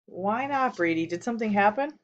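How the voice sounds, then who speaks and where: A woman reading the lines of a tearful, gentle middle-aged mother in an audiobook, in a soft, small voice. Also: mid-range voice, expressive, brisk, dull audio, voice pushed up, natural voice. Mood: worried.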